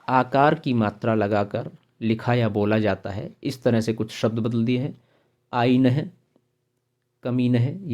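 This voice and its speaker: Slow-paced male grammar teacher. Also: medium pitch, a little mellow. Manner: slow, listing word examples one by one. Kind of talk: grammar lesson.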